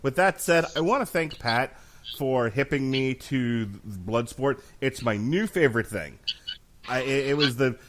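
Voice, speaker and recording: A man's voice: medium pitch, expressive, unhurried, background noise. A man with a mid-range voice hosts a boxing talk show. He speaks casually and jokingly, slipping into mock-formal flourishes as he steers his co-hosts. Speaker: host of a boxing commentary show.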